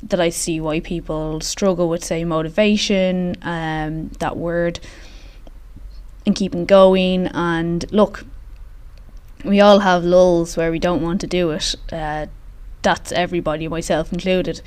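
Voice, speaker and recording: A woman's voice: on the low side, fairly even intonation, unhurried, a little mellow, smooth. A woman hosting a casual solo podcast, talking in an informal, chatty way, recorded in the echoey open space of a gym. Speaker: podcast host. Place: large open gym, indoors.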